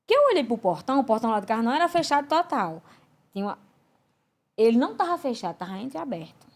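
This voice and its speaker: A woman, a podcast guest giving a religious testimony, telling her story in an animated way and acting out the voices in it. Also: fast talker. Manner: animated storyteller, acts out voices with big pitch swings.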